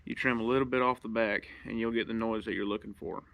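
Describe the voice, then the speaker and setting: A man's voice: lowish voice, fairly even intonation, fast talker, gravelly, fairly bright tone, no room sound. A man giving a casual, plain-spoken how-to tutorial, showing each step and repeating the key points. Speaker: duck call instructor.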